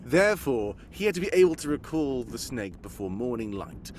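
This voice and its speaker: In a live stage cold-read recreating 1940s radio drama, a man plays a brilliant, self-assured, commanding detective, explaining things with theatrical, bossy, pompous self-satisfaction. His voice is medium-pitched, darkish and very animated at a normal speed, close to how he'd normally talk. Background noise is clearly audible.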